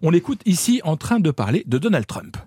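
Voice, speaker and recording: A man presenting a radio media segment in a lively manner. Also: fairly high pitch, brisk, a little hiss or hum. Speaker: media columnist.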